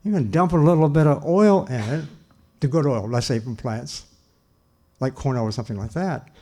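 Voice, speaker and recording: A man's voice: mid-range voice, expressive, moderate pace, darkish tone. An older man giving a public lecture in a church, earnest and emphatic, repeating his key points and restarting sentences. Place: church hall.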